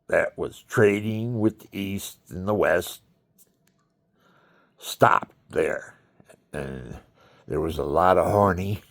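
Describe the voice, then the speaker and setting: Talking directly to his viewers, an older storyteller wanders through personal anecdotes in a chatty monologue, performing what other people said. His voice is deep and creaky.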